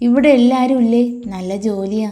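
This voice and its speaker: A woman storyteller voicing a meek young woman who speaks softly and hesitantly. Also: on the high side, moderate pace, natural voice. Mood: timid.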